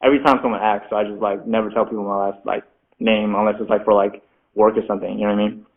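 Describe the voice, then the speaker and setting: A fairly low, flat male voice talking very fast, a rapper appearing as a guest in a casual interview chat. His first language is Mandarin, and he keeps saying "like" and drops in little self-deprecating laughs. The audio comes from a video call and sounds phone-like.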